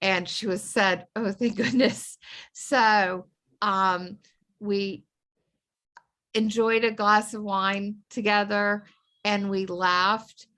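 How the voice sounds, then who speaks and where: A woman's voice: medium pitch, level tone, extremely slow, sharp tone. A woman sharing a tribute with an anecdote on a video call, telling it with fond, laughing asides. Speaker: friend and colleague giving a tribute. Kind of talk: remembrance storytelling.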